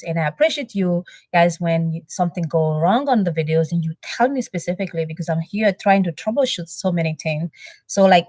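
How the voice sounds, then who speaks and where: On a live stream, a woman with a low voice runs her reaction channel, chatting with viewers, reading their messages aloud, and thanking them warmly, with plenty of fillers. She's from Benin and her first language is French. There's no room sound.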